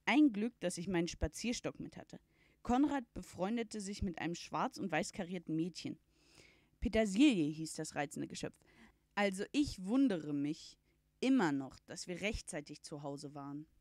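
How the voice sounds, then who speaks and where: A woman's voice: fairly low pitch, lively intonation, moderate pace, a little mellow, no room sound, studio quality, natural voice. A woman voicing a cheeky, jovial middle-aged uncle who is a pharmacist, teasing and exclaiming in a read-aloud storybook. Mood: cheerful teasing.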